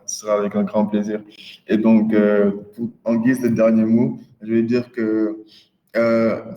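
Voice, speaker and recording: A man's voice: lowish voice, mellow, lo-fi sound. Echoey young man. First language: not French. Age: young adult. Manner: slips English words into French. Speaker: guest speaker, IoT consultant. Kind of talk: informal webinar closing remarks. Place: indoor webinar call. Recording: roomy, echoing sound.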